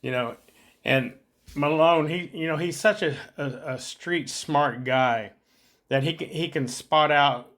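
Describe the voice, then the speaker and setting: Animated man retelling movie scenes. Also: a little high, unhurried. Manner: animated retelling, many restarts. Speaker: podcast host. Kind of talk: casual movie chat.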